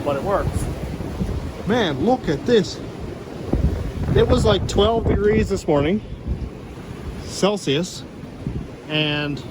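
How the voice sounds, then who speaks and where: Guy rambling about his truck build, kinda high voice, windy noisy outdoor audio on a camera mic. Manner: relaxed, rambling with fillers. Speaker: car builder vlogger. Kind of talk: casual shop vlog. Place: outdoors in wind and in a garage shop. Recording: noisy outdoor wind and traffic.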